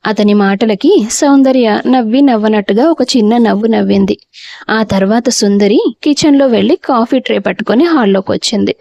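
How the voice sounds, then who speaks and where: A woman's voice: mid-range voice, vocal fry, darkish tone, dry recording, lo-fi sound. A woman reading a scripted family drama aloud as storyteller, voicing each character's lines herself. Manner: switches voices for each character. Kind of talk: scripted narration of a family drama with voiced dialogue.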